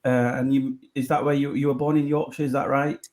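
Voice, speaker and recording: A man hosting a podcast interview, asking questions in a halting way that repeats words as he begins. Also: medium pitch, flat delivery, a little mellow. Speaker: podcast host.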